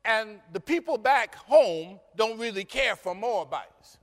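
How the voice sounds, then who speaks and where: A man preaching a sermon in an animated storytelling manner, acting out the characters in a church sanctuary. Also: sits high, slow, long reverb tail. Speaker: guest preacher.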